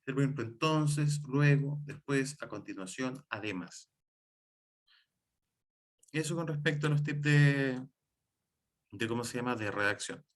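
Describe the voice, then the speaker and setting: A man's voice: medium pitch, unhurried, long pauses. Man explaining spelling rules to a class. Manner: explanatory, repeats example words, frequent fillers. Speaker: teacher. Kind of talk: classroom lecture on writing and spelling.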